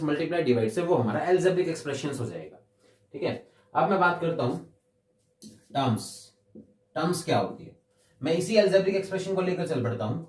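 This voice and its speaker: A man's voice: fairly high pitch, darkish tone. Echoey man teaching maths. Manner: patient, repeats definitions and asks himself questions; slows down to read English definitions word by word. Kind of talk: classroom explanation. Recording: echoey room, mic at a distance.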